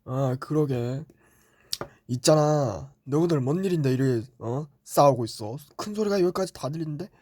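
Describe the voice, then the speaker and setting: A man's voice: fairly high pitch, animated, normal speed, dark tone, dry recording. A man performing a comedy skit alone, trading playful banter between characters. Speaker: solo voice actor.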